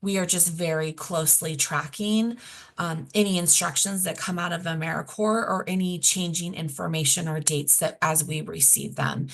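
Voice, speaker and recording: A woman presenting a grant webinar over a video call, explaining deadlines and budgets plainly, losing her voice and clearing her throat. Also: on the low side, steady tone, moderate pace. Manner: plain, explanatory, self-correcting. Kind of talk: technical assistance webinar.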